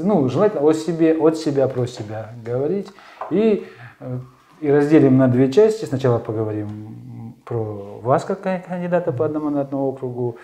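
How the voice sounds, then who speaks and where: Middle-aged guy hosting a studio interview, brisk, laying down the rules, darkish voice. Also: mid-range voice, mellow. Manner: brisk, sets out rules, short prompts. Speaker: interview host. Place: small bright studio.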